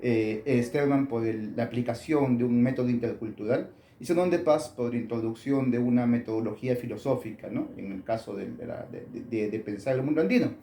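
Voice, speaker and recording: Guy explaining his book, halting, lots of ums, mellow tone, roomy echo. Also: mid-range voice, a little hiss or hum. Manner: thoughtful, many fillers and restarts. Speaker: author being interviewed. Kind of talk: academic interview answers.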